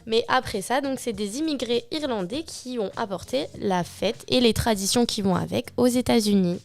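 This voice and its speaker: A woman's voice: fairly high pitch, normal speed, vocal fry, darkish tone, soft background music. A young woman, a student co-presenter, explaining things casually on a radio show. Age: young adult. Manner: explanatory, fillers like du coup. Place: radio studio.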